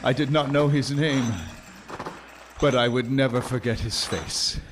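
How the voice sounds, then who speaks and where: Man acting a solemn, slow-speaking galley slave. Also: medium pitch, fairly even intonation, close to an everyday voice. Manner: solemn, measured. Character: grim, suffering galley slave recounting his ordeal, vengeful. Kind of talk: dramatic first-person narration. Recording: loud music bed with guitar.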